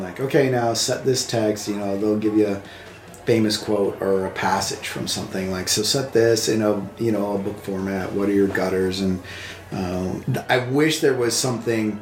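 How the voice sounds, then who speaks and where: A man hosting a casual podcast chat, agreeable and quick with short replies. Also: lowish voice, a little mellow. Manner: agreeable, frequent backchannel replies. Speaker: podcast host. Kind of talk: casual conversation. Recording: roomy echo.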